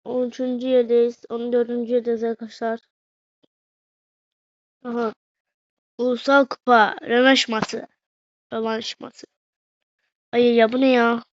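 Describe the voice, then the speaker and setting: A woman's voice: fairly high pitch, a little slow, pauses often, no room sound, muffled recording. A woman commenting on her own mobile football game, groaning and cheering at each play. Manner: excitable, groaning and cheering at the match. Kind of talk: gameplay commentary.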